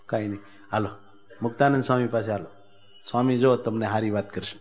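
A man telling a devotional story as a sermon, animated, raising his voice when he speaks for the characters. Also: fast talker. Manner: animated storytelling, voicing characters with raised pitch. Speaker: religious storyteller.

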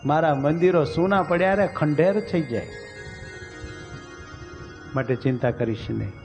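A man voicing a divine lord who speaks in a reassuring, measured way. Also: on the high side, a little mellow, faint music behind. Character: calm, comforting divine lord.

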